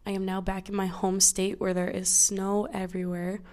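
A woman's voice: mid-range voice, level tone, moderate pace, mellow. A young woman hosting a casual solo podcast in a groggy morning voice, telling a travel story in a chatty, self-deprecating way on a clip-on mic in a small study room. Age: young adult. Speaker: podcast host. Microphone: small clip-on lapel mic.

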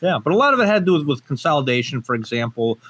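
Racing along with big pitch swings, a gun company guest with a slightly high, somewhat bright voice talks emphatically on a casual podcast. Born in Portugal and raised in the US, he uses many fillers and restarts, and there's a little hiss or hum.

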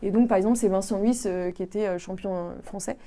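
Hesitant young woman explaining calmly. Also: medium pitch, quick pace. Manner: hesitant, frequent fillers, patient explaining. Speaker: guest, amateur triathlete. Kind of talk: conversational explaining.

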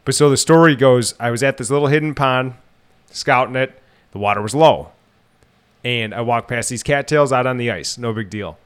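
A chatty storyteller in his thirties hosts an outdoors podcast, his head cold making him sound nasal as he rambles and restarts through long tales. He talks at normal speed with a clear, resonant, medium-pitched voice.

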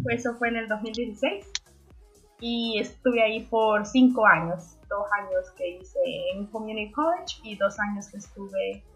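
A woman's voice: medium pitch, fairly bright tone, low-quality recording. A woman in her twenties from Honduras, a young entrepreneur answering interview questions with frequent fillers and restarts. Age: 20s. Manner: hesitant, many fillers and restarts.

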